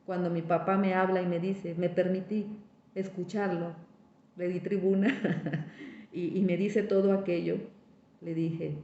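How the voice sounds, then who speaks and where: Speaking to her audience head-on, a woman shares her spiritual recovery testimony and repeats phrases to drive them home. Her lowish, warm voice is flat and a little slow, with frequent pauses, and the lo-fi recording sounds echoey and dull.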